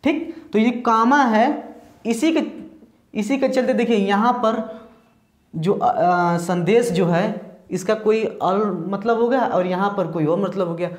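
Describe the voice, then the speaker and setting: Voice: mid-range voice, slow pace. Echoey lecture from a patient teacher. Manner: explains step by step, repeating points with frequent checking "ठीक"; mixes in English terms alongside Hindi ones. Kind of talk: recorded classroom-style lecture. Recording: echoey room.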